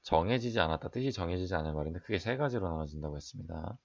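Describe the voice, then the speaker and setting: Low gravelly man teaching English. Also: animated, very fast, muffled recording. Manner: explains sentence by sentence, reads English then translates; frequent "자" fillers, asks and answers own questions. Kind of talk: exam prep lecture.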